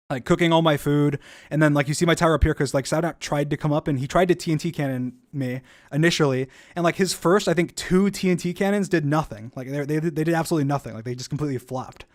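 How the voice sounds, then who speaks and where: A young man casually commenting on his own gameplay video, rambling with lots of "like" and quick restarts. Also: on the high side, no room sound, clean studio sound. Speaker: YouTuber reacting to own video.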